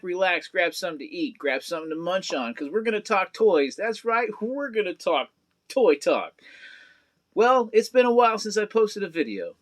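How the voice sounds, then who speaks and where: A man chatting casually as a toy collecting vlogger, rambling and joking with lots of fillers, in a cold outbuilding away from his house. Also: a little high. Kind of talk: casual chat.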